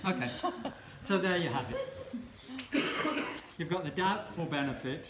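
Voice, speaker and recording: Speaking unhurriedly with a fairly high pitch, a seventy-something man offers a wedding toast. His humour is dry and self-mocking, with teasing remarks aimed at the couple, and the roomy hall carries faint noise.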